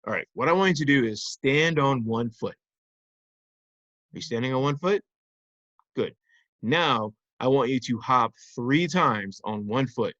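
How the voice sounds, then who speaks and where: A man's voice: mid-range voice, animated, unhurried, long pauses, fairly bright tone, no room sound. Man teaching young children, slightly muffled audio. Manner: instructive, simple phrases with check-in questions. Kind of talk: simple interactive children's lesson.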